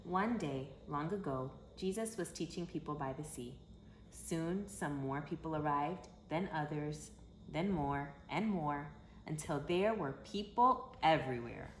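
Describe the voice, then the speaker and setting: In an echoey room with faint background noise, a woman reads a children's picture book aloud. Her voice sits low, her intonation is lively, and her measured pace supports dramatic, emphatic, expressive phrasing.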